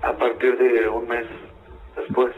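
A man's voice: medium pitch, completely flat delivery, slow pace. Young male caller, hesitant and distressed, phone-quality audio with faint music. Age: young adult. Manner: hesitant, distressed short answers. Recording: phone line on archive radio.

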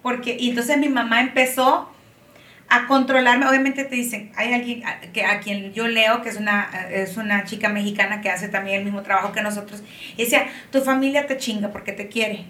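Woman, bright, roomy sound. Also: on the high side, steady tone, a little fast. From Honduras. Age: 30s. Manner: warm storytelling, frequent fillers. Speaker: guest. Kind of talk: casual interview conversation. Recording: echoey room, mic at a distance.

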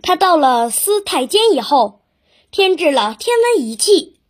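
A woman's voice: extremely high pitch, very animated, unhurried. A woman narrating a scripted history lesson for children, explaining things as if to a child, with simple questions.

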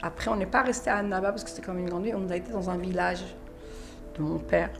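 A middle-aged woman from France tells her life story in a low, gravelly voice. She acts out the lines of the people in her story and sometimes drops to a hush. Clear music plays behind her. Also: fast talker. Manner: acts out quoted dialogue in her story, drops to hushed asides. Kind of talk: personal storytelling.

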